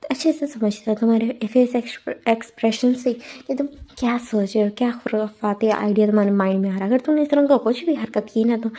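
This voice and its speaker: A woman's voice: fairly high pitch, brisk, warm tone, close to an everyday voice. A woman voicing a stern wealthy father who warns his spoiled son. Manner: strict, warning tone.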